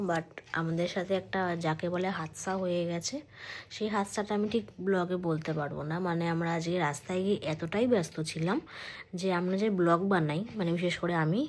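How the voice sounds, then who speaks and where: A young woman vlogging casually at home late at night, speaking quietly because she feels unwell and others are asleep, slipping English words into her talk. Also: on the low side. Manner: chatty, mixes English words into Bengali. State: feeling unwell. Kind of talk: casual vlog chat.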